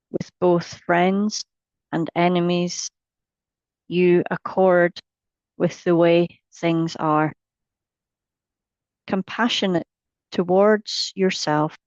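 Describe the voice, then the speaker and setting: Leading a guided mindfulness meditation, a woman speaks in a slightly low voice, very slowly and gently, breaking sentences into short phrases with long pauses. The recording is dry and a little dull, with no room sound.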